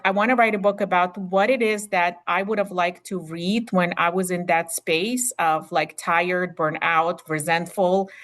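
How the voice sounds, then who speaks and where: A woman's voice: medium pitch, a bit bright. A middle-aged woman from Ukraine with a Ukrainian accent, a nurse practitioner giving a webinar talk in a chatty way full of fillers and restarts, heard over a video call. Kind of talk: webinar presentation.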